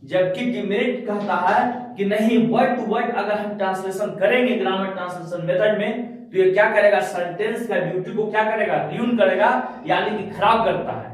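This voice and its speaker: A man's voice: sits high, moderate pace. A male teacher giving a classroom lecture, asking himself questions, answering them, and glossing English terms in Hindi. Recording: very echoey room, voice far from the mic.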